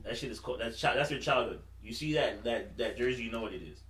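A man's voice: mid-range voice, expressive, quick pace, a bit bright, distant mic. A man hosting casual sports banter in a slangy, profane, frat-bro teasing manner. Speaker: podcast host. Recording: roomy, off-mic, faint noise.

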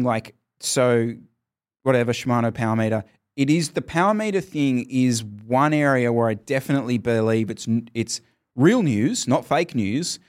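A man co-hosting a cycling podcast, rambling enthusiastically in casual chat. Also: mid-range voice. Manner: rambling, lots of "like" fillers and restarts, enthusiastic. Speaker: podcast co-host.

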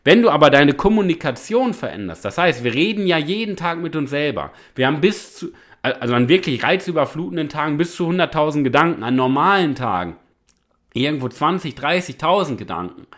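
A man's voice: a little high, sing-song, fairly quick, a bit bright. A man hosting a motivational podcast, speaking emphatically and often checking in with "ja?". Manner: emphatic, repeats "ja?" to the listener. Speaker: podcast host and motivational coach.

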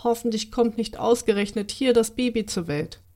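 A woman's voice: fairly high pitch, moderate pace, warm tone, lightly acted. A woman voicing Josef, a caring and worried man, reading aloud for children. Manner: earnest and fretful.

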